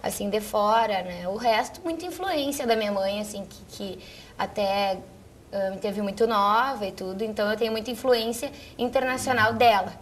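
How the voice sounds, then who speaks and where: A woman's voice: mid-range voice, moderate pace, slight background noise. A young woman, a guest chatting casually about her teen years. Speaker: guest, fellow TV presenter. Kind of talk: casual chat.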